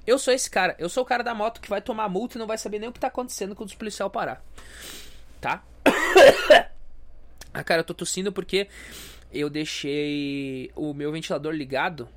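A man's voice: high voice, fairly quick, pauses often. A young man with a stuffy nose, hosting a crude, self-mocking comedy podcast rant. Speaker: podcast host.

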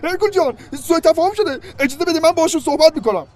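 A man's voice: extremely high pitch, expressive, a little mellow, faint music behind, pitched above the performer's own voice. Brief: man playing a boisterous, friendly centaur pal, chummy and slangy, for a comic myth podcast. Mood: pleading. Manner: chummy, slangy, boastful host. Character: friendly male centaur, boisterous old buddy.

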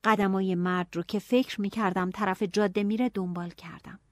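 A woman narrating a novel in an expressive audiobook style, dropping to hushed tones and rising to anxious cries. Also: mid-range voice, heavy background noise.

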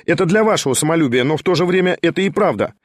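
A man voicing an eager, fast-talking scheming young man who rattles off his words. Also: on the high side, no echo, studio quality, pitched above the performer's own voice. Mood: eager, chattering. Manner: hurried, chattering, excitable.

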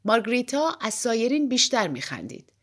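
A woman's voice: fairly high pitch, sing-song. Woman reading a story aloud. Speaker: audiobook reader. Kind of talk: expressive story narration.

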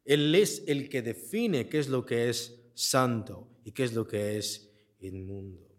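A male pastor delivers a slow, deliberate sermon in a church, taking his time over each phrase. He reads the scripture aloud and explains it verse by verse. He keeps asking the congregation questions and leaving the answer word for them to fill in. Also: mid-range voice. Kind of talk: Bible exposition sermon.

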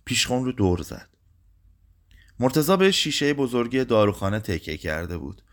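A man reading a literary short story aloud in a slow, somber way. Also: medium pitch, sing-song. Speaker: narrator.

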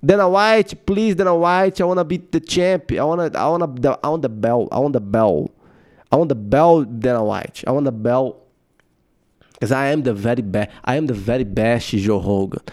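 A man with a Brazilian Portuguese accent, doing a boastful male fighter who speaks slow, halting, repetitive broken English. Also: mid-range voice, a little mellow, lightly acted.

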